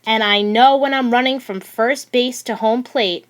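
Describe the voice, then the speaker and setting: An audiobook reader, a woman with a fairly high pitch, tells a children's picture book story aloud, carefully paced and full of expression.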